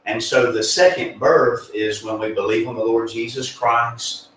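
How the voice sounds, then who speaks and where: A male pastor of middle pitch talks through his teaching in an earnest, down-to-earth way, pausing on fillers and restarting sentences. He sits well back from the mic in a very echoey room, with a faint hum of ambience underneath. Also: fairly even intonation, fairly bright tone, far from the mic. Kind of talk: conversational spiritual teaching.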